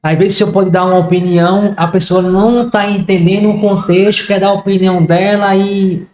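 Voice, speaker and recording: A man's voice: high-pitched, flat delivery, brisk, a little mellow, a little hiss or hum. A man hosting a podcast in a slightly raised voice, speaking respectfully and deferring to his guest. The room around him is echoey. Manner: deferential, calls the guest doctor. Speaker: podcast host. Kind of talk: casual podcast conversation.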